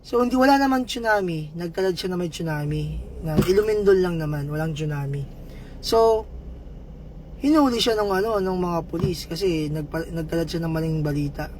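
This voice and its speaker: A man livestreaming, chatting with viewers, giving shoutouts and telling a joke story in a casual, playful way. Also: on the high side, moderate pace, slight background noise. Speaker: livestream vlogger.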